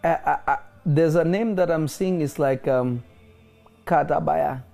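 Man prophesying, slightly high mellow voice. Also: measured pace, creaky, faint music behind. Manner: declaring, repeatedly asks if the listener is listening. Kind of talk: prophetic ministry over a phone call.

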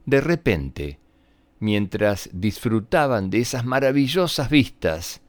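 Male children's storyteller, unhurried and highly expressive, low register, slightly roomy sound with soft music. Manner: expressive, addressing young children. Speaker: children's storyteller and show host. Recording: roomy echo, music behind.

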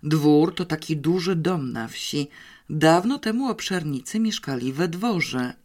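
An audiobook narrator voicing a quick-witted, confident schoolgirl who talks eagerly. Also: medium pitch, expressive, darkish tone, lightly acted. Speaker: child character in an audiobook. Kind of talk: audiobook character reading.

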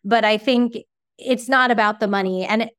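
A woman's voice: fairly high pitch, fairly even intonation, moderate pace, a bit bright, smooth. A woman hosting a podcast, chatty and curious, asking questions in a casual style with lots of "like"s. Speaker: podcast host.

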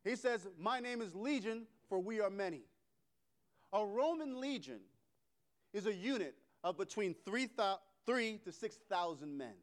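Male preacher, high and animated pitch, dramatic loud-to-hushed swings, repetitive rhetorical cadence. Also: unhurried. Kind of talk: sermon.

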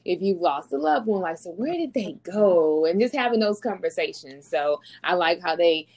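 Expressive woman with a lively, swinging pitch. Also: moderate pace. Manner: expressive, emphatic, laughs often. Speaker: podcast co-host. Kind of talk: casual recap chat.

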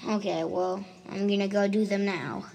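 In an amateur radio drama, a performer plays Timmy, an earnest schoolboy who insists on what he saw, sounding sulky and worried. The medium-pitched, darkish voice is fairly even at a moderate pace and close to everyday speech. The home recording is poor, with clear noise and clicks.

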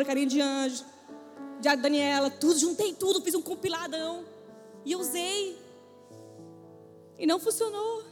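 A young woman with a Brazilian accent delivers a lively, self-mocking sermon, acting out each exchange in her story. Her voice sits very high. It carries a long hall echo, with soft music underneath. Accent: Brazilian Portuguese. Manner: animated storytelling, self-mocking, plays out dialogue. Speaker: preacher. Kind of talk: humorous testimony sermon. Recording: reverberant hall with faint music.

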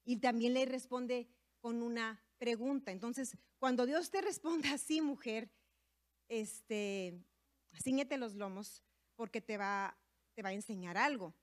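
A woman's voice: a little high, a little slow. A woman giving a conversational sermon to women, sprinkling in tag questions and fillers as she talks. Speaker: women's ministry speaker.

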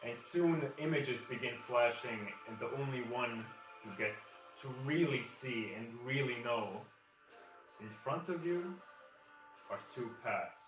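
A man's voice: mid-range voice, lively intonation, measured pace. Man, game master, loose rambling narration, roomy distant mic, faint music behind. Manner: loose, filler-heavy, hesitant narration.

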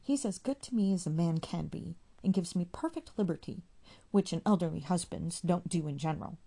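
Touchy young wife, defensive and emotional; woman reader voicing her, dark gravelly tone. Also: lowish voice, fairly quick.

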